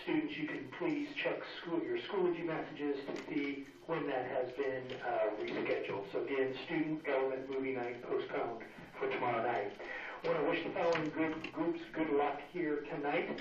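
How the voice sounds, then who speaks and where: A man reading end-of-day announcements over a school intercom, halting with frequent fillers. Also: medium pitch, lo-fi sound. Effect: school intercom loudspeaker. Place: classroom, heard through a wall speaker. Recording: distant echoey loudspeaker over a noisy classroom.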